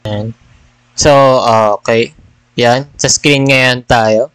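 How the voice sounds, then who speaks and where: A man talks casually as a gaming vlogger, rambling from point to point and slipping English phrases into his speech. His voice sits at an ordinary middle pitch. It comes through a headset mic with a dry, close sound and no room echo. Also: fairly even intonation, slow, a bit bright, clean tone. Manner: rambling, mixes Tagalog and English. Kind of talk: casual chat.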